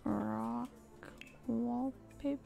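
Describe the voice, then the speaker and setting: A woman's voice: fairly high pitch, steady tone, very slow, gravelly, mellow, soft background music. A woman streaming a building game, muttering to herself in casual, frustrated commentary.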